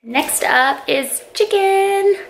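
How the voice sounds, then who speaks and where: Very high-pitched and animated, this woman in her twenties talks very slowly over loud music, and the audio is poor. A vlogger, she chats casually while meal-prepping at home, explaining every step with lots of fillers; a handheld camera films her, sometimes close in selfie framing, sometimes far, amid loud kitchen noise.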